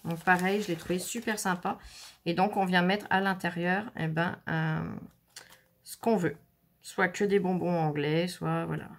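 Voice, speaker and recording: Chatty woman with gravelly voice. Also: fairly low pitch, fairly even intonation, measured pace. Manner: chatty, showing items one by one with many fillers. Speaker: scrapbooking haul vlogger. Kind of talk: casual haul video commentary.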